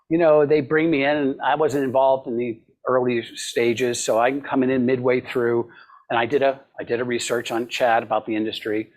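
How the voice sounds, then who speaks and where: Husky, animated male sales panelist. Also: mid-range voice. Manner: animated, storytelling, acts out quoted conversations. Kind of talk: roundtable discussion.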